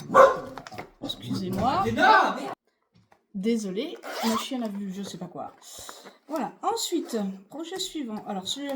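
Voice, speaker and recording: A woman's voice: mid-range voice, background noise. A woman vlogging casually about her cross-stitch projects, rambling and chatty with many fillers. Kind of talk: casual chatty craft vlog.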